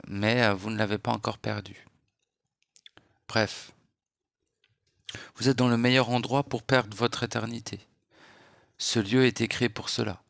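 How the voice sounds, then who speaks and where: A man giving a late-night spiritual monologue in a hushed, unhurried voice, lecturing and posing rhetorical questions. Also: lowish voice, vocal fry, dry recording, studio quality. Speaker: spiritual speaker.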